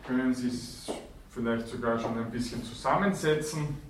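A man gives a university lecture in a roomy hall, heard from some distance away. He explains step by step, stopping often to correct himself and fill pauses. A faint hiss sits under the recording. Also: mid-range voice. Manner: explanatory, with frequent fillers and self-corrections.

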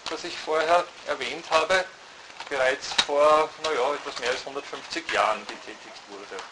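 A man lecturing at a university, thoughtful and halting, often restarting his sentences. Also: mid-range voice. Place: lecture hall. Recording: noisy lecture hall recording.

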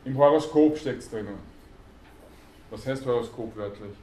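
In an echoey lecture hall with faint noise behind him, a man teaches a university class at a moderate pace in a medium-pitched, darkish voice. He explains terms and quizzes the students, hesitating often, as a student records from the audience.

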